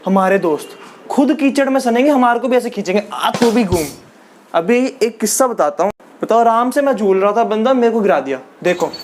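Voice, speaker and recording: A man's voice: high-pitched, expressive, fairly quick, slight background noise. Chatty young man telling funny stories. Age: young adult. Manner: chatty, laughs through his own lines. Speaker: stand-up comedian. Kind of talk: casual stand-up storytelling.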